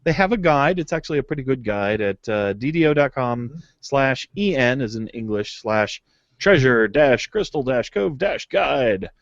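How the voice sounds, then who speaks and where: A man's voice: mid-range voice, expressive, moderate pace, no echo. Man, podcast host, casual rambling chat, dry dull lo-fi sound. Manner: rambling, chuckling, filler-heavy. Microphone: home mic on a video hangout. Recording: dull lo-fi dry webcast audio.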